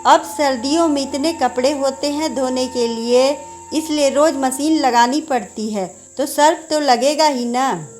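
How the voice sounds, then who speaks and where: A woman narrating a family story in a calm, measured storytelling manner. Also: high voice. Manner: calm, measured storytelling, voicing characters lightly. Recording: soft music underneath. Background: faint background music.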